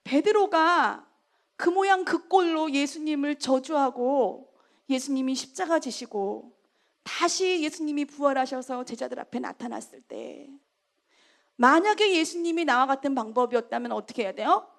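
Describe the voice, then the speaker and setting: A woman evangelist telling a story in a sermon, acting out scolding lines in loud, lively bursts. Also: high-pitched, moderate pace. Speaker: evangelist preaching.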